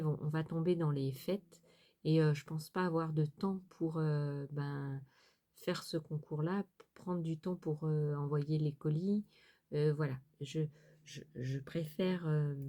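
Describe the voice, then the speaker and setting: A middle-aged woman from France talks to her craft channel's viewers in a low, mellow voice. She rambles casually, circling back with fillers and restarts. Her tone stays soft and unhurried, never sharp. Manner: hesitant, many fillers and restarts, chatty asides. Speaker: sewing and crafts vlogger.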